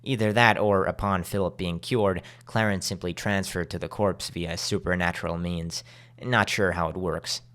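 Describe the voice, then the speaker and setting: A man's voice: sits low, steady tone, normal speed, fairly bright tone, smooth. A man narrating a video game critique as a voice-over. He speaks casually and bluntly and swears freely.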